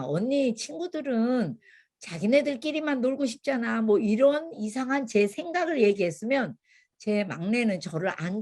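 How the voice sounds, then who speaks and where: Older female parenting teacher with a slightly high voice, lecturing at church in a vivid storytelling manner. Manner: lively storytelling, acting out quotes.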